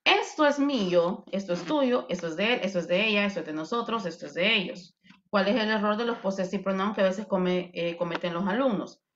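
A woman whose first language is Spanish, teaching English grammar in an online class, repeating examples patiently and clearly. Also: medium pitch, brisk, dull audio, slight background noise.

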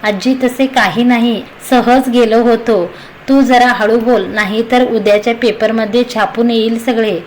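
Woman narrator playing a teasing young husband in a story, light high voice. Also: fairly even intonation, measured pace, a little mellow, a little hiss or hum, close to an everyday voice, poor audio. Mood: flustered. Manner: grumbling under his breath.

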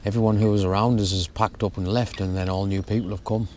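A young man explaining his fishing setup in a relaxed, step-by-step way while outdoors at a lake. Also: on the low side, quick pace, slight background noise. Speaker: fishing vlogger. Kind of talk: casual how-to narration. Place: outdoors at a lakeside bank.

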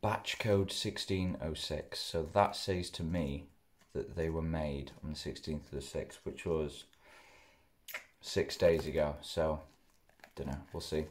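A man's voice: very deep voice, fairly even intonation, takes it slowly, slight background noise. A young man, chatting casually as he reviews food at home, talking through bites. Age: young adult. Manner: chatty, rambling, mouth often full while chewing. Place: living room at home, indoors. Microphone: camera close in front.

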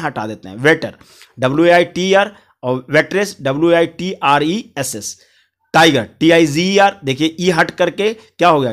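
Higher-voiced male Hindi English tutor. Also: fairly bright tone. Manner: explains slowly, spells words letter by letter; addresses viewers as friends, repeats each point. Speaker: English teacher. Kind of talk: Hindi grammar lesson.

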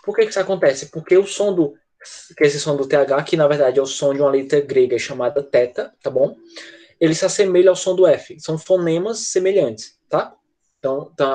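A man's voice: a little high, dark tone. A male teacher, giving an online English lesson over a video call and patiently explaining pronunciation with frequent check-ins. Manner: patient, repeats "tá?" checks after each point.

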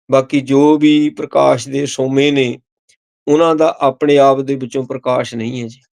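A man, a Sikh preacher, explaining scripture line by line. He chants verses slowly, then explains them plainly, repeating key words and addressing listeners with "ji". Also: a little high, gravelly, a little mellow.

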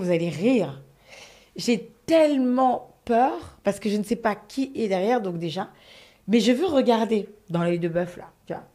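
Woman, live storyteller, fairly high voice, dramatic and animated, swears, talks to her viewers. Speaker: storyteller host of a live stream.

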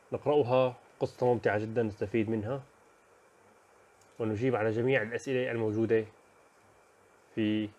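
A man teaching, running briskly through the topics of a lesson and pausing on fillers and self-corrections. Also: medium pitch, a little mellow, muffled recording. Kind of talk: lesson overview.

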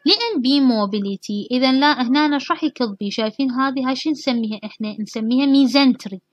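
A woman's voice: high-pitched, fast, no echo. A woman with an Iraqi Arabic accent lecturing anatomy. She keeps asking questions, answers them herself and repeats the key terms. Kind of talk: university lecture. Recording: dry, dull lo-fi lecture recording.

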